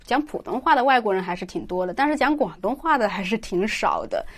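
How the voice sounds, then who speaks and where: Woman interviewer with a mid-pitched voice. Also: lively intonation, quick pace. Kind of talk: conversational interviewing.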